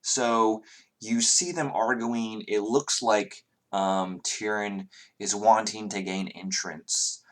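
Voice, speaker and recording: A man's voice: fairly low pitch, fairly even intonation, slow. A man narrating as game master of a tabletop game, talking hesitantly with many fillers.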